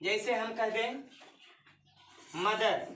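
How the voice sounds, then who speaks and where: Drawing out her words in a fairly bright, higher voice, a female English teacher dictates grammar definitions one word at a time and repeats key terms. She poses questions to the class before answering them herself, captured by a far-off mic with a roomy feel.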